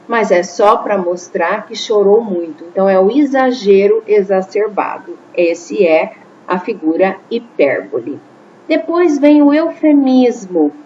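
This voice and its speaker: A woman's voice: medium pitch, a little mellow. A woman teacher, explaining a lesson patiently and checking in with her listeners. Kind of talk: classroom lesson. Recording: slightly dull lo-fi audio with faint noise.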